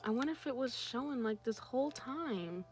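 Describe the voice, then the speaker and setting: A woman's voice: fairly high pitch, expressive, normal speed, soft background music. A young woman chatting casually on a drawing livestream, reading chat aloud and greeting viewers. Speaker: streamer.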